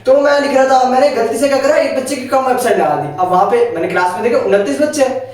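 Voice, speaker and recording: Teen male vlogger, high-pitched and animated, indignant storytelling, recorded far from the mic in an echoey room. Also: fast. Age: late teens. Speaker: vlogger, school student. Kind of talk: casual storytelling vlog.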